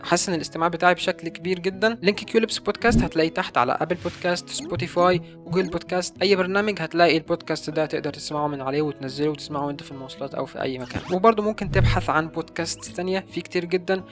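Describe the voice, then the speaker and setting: A man's voice: fairly high pitch, racing, hardly any pauses, a bit bright, faint music behind. A young adult man with an Egyptian Arabic accent, earnestly recommending learning resources in a casual advice video. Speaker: language-learning YouTuber.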